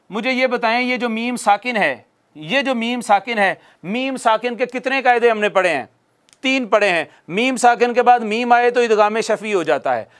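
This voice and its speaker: A male recitation teacher giving a classroom lesson, repeating definitions slowly for dictation and asking questions he then answers himself. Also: high voice, a bit bright.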